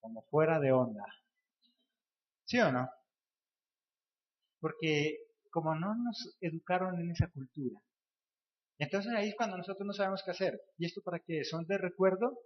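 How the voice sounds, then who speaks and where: High-voiced preacher in an echoey church. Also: male voice, normal speed, pauses often. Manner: asks the congregation rhetorical questions, repeats phrases for emphasis. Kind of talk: sermon. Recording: echoey, dull lo-fi church recording.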